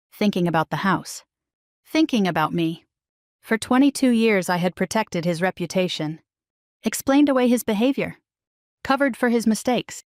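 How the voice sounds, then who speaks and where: A middle-aged woman narrating a first-person story in a calm, measured way. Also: mid-range voice, no echo, clean studio sound. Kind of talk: scripted narration.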